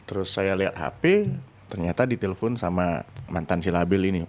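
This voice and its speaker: A man tells a long story in a relaxed podcast chat. His natural voice sits fairly low, yet he keeps it animated, jumping sharply higher whenever he acts out someone else's words. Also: fairly quick. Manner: animated, acts out quoted voices with sudden high pitch.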